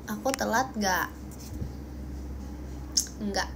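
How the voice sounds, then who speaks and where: A woman's voice: mid-range voice, slow pace, creaky, noisy background. A young woman with an Indonesian accent chatting casually on a phone livestream, bubbly and playful as she thanks viewers for gifts. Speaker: idol livestream host.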